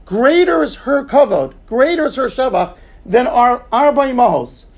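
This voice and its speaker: Gravelly high-voiced man teaching Talmud. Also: expressive. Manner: explains terms in English, quick asides to students. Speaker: rabbi teaching Talmud class. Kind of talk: Talmud class lecture.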